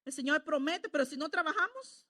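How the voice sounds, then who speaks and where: Middle-aged woman preacher, high voice, homey conversational sermon. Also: animated, a little fast, pushed and bright. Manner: conversational, asks the congregation "¿verdad?".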